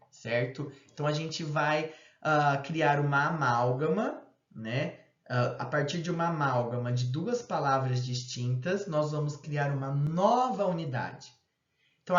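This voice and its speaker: A man giving a recorded lecture, explaining step by step and acting out casual example phrases. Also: on the high side. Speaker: university lecturer. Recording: roomy, dull lo-fi sound.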